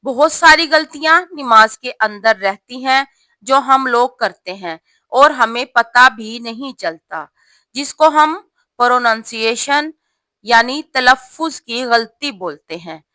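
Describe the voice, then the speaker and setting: A woman teaching correct prayer pronunciation to her sisters, explaining each mistake and drawing out the right words slowly. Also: on the high side, animated, bright, forceful tone, dry recording. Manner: slow, drawn-out demonstration of correct pronunciation. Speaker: religious teacher. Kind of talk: instructional talk on prayer pronunciation.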